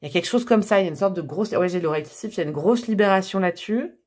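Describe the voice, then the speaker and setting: A woman's voice: medium pitch, racing. Chatty woman reading tarot. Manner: chatty, warm-hearted, laughs often, thinks aloud with many fillers. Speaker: tarot reader. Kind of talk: casual tarot reading to camera.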